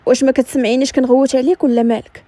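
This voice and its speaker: Woman doing a harsh mafia boss husband, Moroccan Arabic accent, curt cold commands, quick and dark-toned. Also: a little high, breathy edge. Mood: suspicious.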